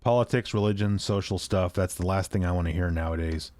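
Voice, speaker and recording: A man's voice: sits low, a little fast, dry recording. A man co-hosting a podcast, chatting casually and rambling a little as he reads listener mail. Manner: relaxed, rambling, reads listener emails aloud. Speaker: podcast co-host. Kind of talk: casual chat.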